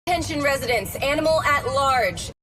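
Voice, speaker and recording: A woman's voice: animated, moderate pace, sharp tone. An actress playing a woman who announces a warning to residents through a megaphone. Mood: urgent. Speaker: public announcer. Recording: distant voice, faint noise, vehicle rumble.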